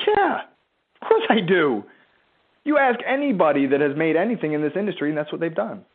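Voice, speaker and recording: A man's voice: a little high, very animated, brisk. A man giving an emphatic, conversational motivational talk as a business coach, firing rhetorical questions at his listeners and mimicking their objections. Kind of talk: motivational live talk to followers. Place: a room at home, seated in a chair. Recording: tinny phone-like line.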